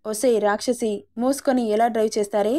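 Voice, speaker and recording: A woman's voice: a little high, fairly even intonation, fast talker, mellow, lightly acted. A woman reading as a cocky, teasing young man. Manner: mocking, teasing.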